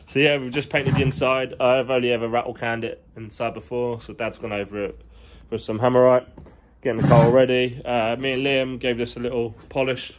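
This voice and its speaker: A man's voice: mid-range voice, flat delivery, moderate pace. Chatty young man. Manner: chatty, rambling, slangy. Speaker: car vlogger. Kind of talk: casual vlog, walking workshop tour. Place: large indoor garage workshop. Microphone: phone held at arm's length.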